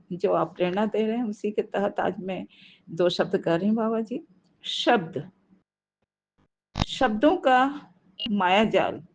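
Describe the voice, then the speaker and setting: Lady giving a slow devotional talk, calm, explains stuff with examples, kinda dull lo-fi audio. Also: mid-range voice. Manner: measured, reflective, explains with examples. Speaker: devotee speaking at a satsang. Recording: dull lo-fi recording.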